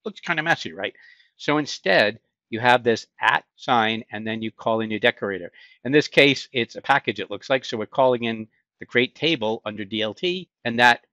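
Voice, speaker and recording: A man's voice: medium pitch, moderate pace, bright, forceful tone, no echo. A middle-aged man with a Boston accent, teaching a screen-share tech tutorial in a conversational way, asking himself questions and answering them. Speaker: instructor. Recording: dull lo-fi sound.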